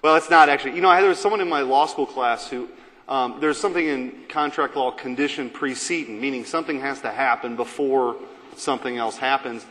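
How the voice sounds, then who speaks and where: A man's voice: medium pitch, a little fast, fairly bright tone. Chatty man debating in a senate chamber. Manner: conversational, chatty, rambling aside. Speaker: state senator. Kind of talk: floor debate. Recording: reverberant chamber with faint room noise.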